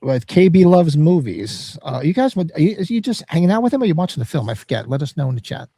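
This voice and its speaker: Sing-song and fast, with vocal fry and a warm tone on the high side, a podcast host bantering casually on a livestream, now and then swearing. Allergies make him congested, nasal and sniffly, and his throat is slightly sore. The studio sound is clean, with no echo.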